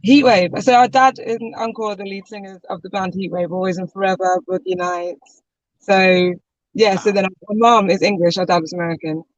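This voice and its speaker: A woman singer-songwriter chats casually as an interview guest at medium pitch and a moderate pace. She is talkative, uses lots of fillers, and laughs easily. There is no room sound, but the highs are cut off.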